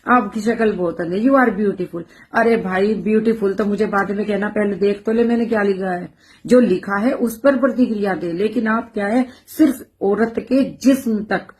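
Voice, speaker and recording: Woman lecturing with fire, repeats lines for punch, bit of faint hiss behind. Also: medium pitch. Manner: forceful, rhetorical, repeating phrases for emphasis. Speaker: educator and social media speaker. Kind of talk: impassioned monologue to camera.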